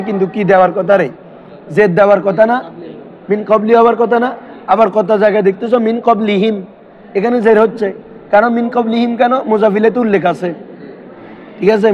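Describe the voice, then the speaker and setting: Male teacher, high-pitched, drills students with questions in a lesson; muffled low-fi recording. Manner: quizzing students with constant questions. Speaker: madrasa teacher. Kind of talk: classroom grammar lesson. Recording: dull lo-fi recording.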